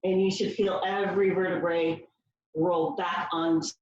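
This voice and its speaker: A woman's voice: fairly low pitch, level tone, moderate pace, darkish tone, slight background noise. A woman leading a floor workout class, giving step-by-step cues in an encouraging coaching manner while she demonstrates. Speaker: fitness class instructor. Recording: very echoey room, distant mic, slightly dull.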